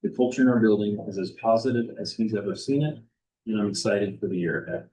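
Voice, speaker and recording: Low-voiced man reading a report. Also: fast, low-quality recording. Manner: steady, reads quotes aloud. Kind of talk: meeting report, reading aloud.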